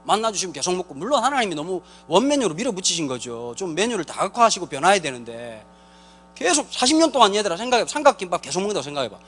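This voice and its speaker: A man pastor delivers a comic sermon at a rapid clip, his voice swinging high and low as he jokes. He talks in slang, throws questions straight at the crowd and slips into quick character voices. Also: very animated, a bit bright. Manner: joking, slangy, quizzes the crowd directly. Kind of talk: lively comic sermon to a congregation.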